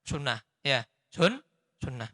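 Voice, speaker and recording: A man with a Javanese accent, a habib preacher answering questions at a religious study gathering in a lively, teasing way. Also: mid-range voice, slow pace, in a large hall. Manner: lively, teasing, mixes in local words.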